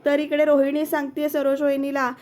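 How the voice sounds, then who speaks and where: A woman's voice: sits high, completely flat delivery, moderate pace, darkish tone. A woman reviewing a TV serial episode, retelling the scenes and quoting the characters' lines while she speaks directly to her viewers.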